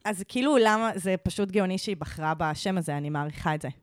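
A woman's voice: on the low side, dry recording. A woman with an Israeli accent chatting casually as a podcast co-host. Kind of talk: casual conversational podcast chat.

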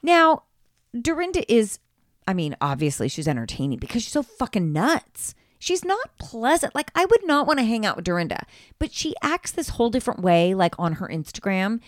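A middle-aged woman co-hosting a casual chat, animated and quick to swear and mimic others. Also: fairly high pitch, no echo, clean studio sound. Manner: animated, swears freely, mimics people she discusses. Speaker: podcast co-host.

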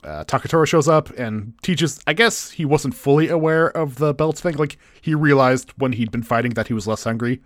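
A man's voice: mid-range voice, a little fast, few pauses, dry recording, studio quality. A man co-hosting a casual chat, recapping a TV episode and paraphrasing the characters' lines with jokes and laughs. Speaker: podcast co-host.

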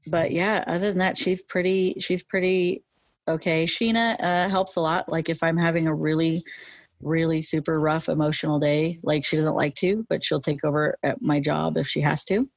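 A woman's voice: low voice, steady tone, moderate pace, gravelly, dry recording. A young woman with a lateral lisp, chatting casually in an interview, rambling with many fillers. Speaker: interview guest.

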